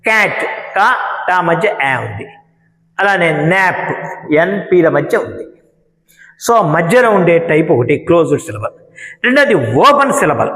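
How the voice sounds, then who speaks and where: Lively-voiced Telugu-accented man teaching. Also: on the high side. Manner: explains slowly, stretching out example words. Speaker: English teacher. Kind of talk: classroom lecture. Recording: echoey room with long reverb.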